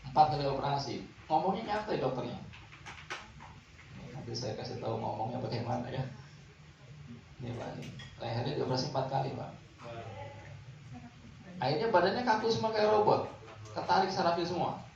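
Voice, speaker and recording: A man delivers a lively, rhetorical training lecture, repeatedly checking that his listeners follow. His voice sits a bit high for a man. The recording sounds dull and distant, caught in a very echoey hall with faint noise behind it. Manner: lively, rhetorical, quizzing the audience. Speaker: back-massage trainer.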